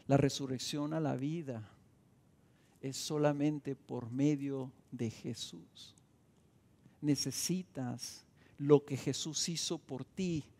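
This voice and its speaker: A man's voice: medium pitch, darkish tone. A man preaching a sermon as a pastor, driving his points home with emphatic bursts and rhetorical questions. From Mexico. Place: church sanctuary. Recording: reverberant church hall.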